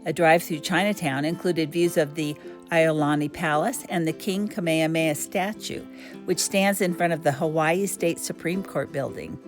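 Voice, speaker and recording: An older woman narrating a travel vlog in a calm, matter-of-fact way. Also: sits low, moderate pace. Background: guitar music.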